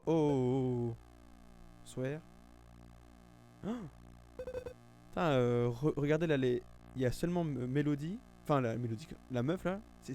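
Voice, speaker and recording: A man's voice: mid-range voice, mellow, slight background noise. A man with a French accent, thinking aloud with hesitant restarts as he plays a video game and reads in-game English text aloud. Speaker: gamer. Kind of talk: French let's play commentary. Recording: game music clearly behind the voice.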